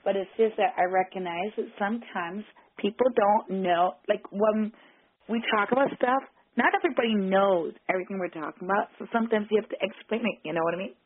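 A woman's voice: mid-range voice, brisk, breathy edge. A woman co-hosting a podcast in casual, conversational chat. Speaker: podcast co-host. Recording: tinny, phone-like band-limited sound.

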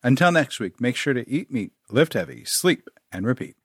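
A man's voice: mid-range voice, expressive, normal speed, gravelly, music in the background. A man co-hosting a podcast, talking casually with many fillers and restarts as he reads out show business. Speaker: podcast co-host.

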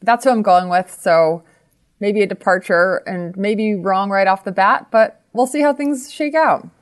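A woman co-hosting a sports podcast, laying out her reasoning in a measured, step-by-step way. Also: medium pitch. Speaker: podcast co-host. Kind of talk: casual sports podcast chat.

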